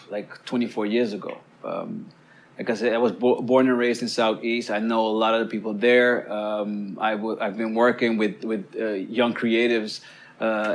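Man, community organizer guest, analytical, halting, filler-heavy, average pitch. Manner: analytical, halting with many uhs and restarts. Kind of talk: interview answers.

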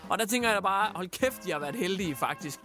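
A man hosting a casual radio show, telling stories in an animated way and acting out quotes with lots of fillers. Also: high-pitched, soft background music. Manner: animated storyteller, acts out quotes, many fillers. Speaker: radio host. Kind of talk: casual chat, retelling news stories.

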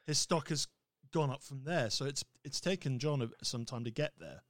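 A man's voice: mid-range voice, normal speed, no room sound, clean studio sound. A man co-hosting a podcast in casual chat, laughing often and restarting his sentences. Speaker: podcast co-host.

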